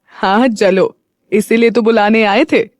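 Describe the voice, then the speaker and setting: A woman's voice: medium pitch, steady tone, slow, a little mellow, no echo, clean studio sound, lightly acted. A woman narrator voicing a kind, motherly older woman welcoming two girls.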